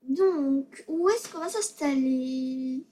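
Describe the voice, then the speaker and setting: A woman's voice: high voice, extremely slow, mellow. A female gaming video maker giving casual tutorial commentary, hesitant and self-conscious, often stammering and repeating words.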